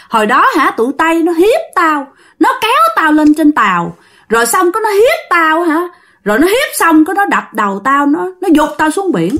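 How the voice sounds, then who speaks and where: A woman's voice: very high-pitched, a bit bright, pitched above the performer's own voice, exaggerated voice. Woman putting on a shrieking drowned ghost demon. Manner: menacing, snarling threats. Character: vengeful drowned female ghost, nearly a hundred, turned demon.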